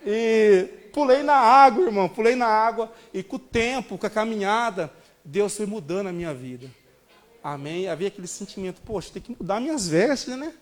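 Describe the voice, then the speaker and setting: A Brazilian man in his thirties preaching a sermon, telling a personal story in an animated way and calling the congregation brothers. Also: sits high, moderate pace. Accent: Brazilian Portuguese. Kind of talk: sermon testimony.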